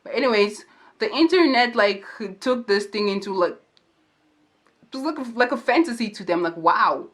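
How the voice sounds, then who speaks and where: A woman's voice: medium pitch, expressive, normal speed, fairly bright tone. Chatty young woman with slangy asides. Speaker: true crime and makeup YouTuber. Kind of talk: casual storytelling commentary.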